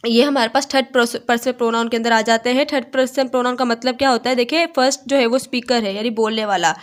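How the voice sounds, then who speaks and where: Slow woman teaching grammar. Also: on the high side, fairly even intonation. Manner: slow, explaining with frequent "theek hai" checks. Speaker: English teacher. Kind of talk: online grammar lecture.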